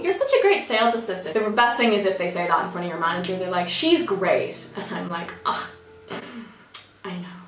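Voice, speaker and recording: A young Irish woman vlogger, whose accent carries a slight American tinge, tells sarcastic work stories in a casual, chatty monologue and swears freely. Her voice is medium-pitched and fairly bright, with a little hiss or hum. The recording sounds roomy and slightly distant, with music playing underneath.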